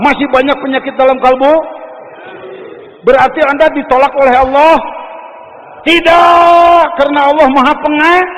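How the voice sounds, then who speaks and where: A high-pitched man with a Sundanese accent delivers a sermon in a hall with long reverb. He swings dramatically between loud exhortation and hushed, confiding asides. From West Java, Indonesia. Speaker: preacher.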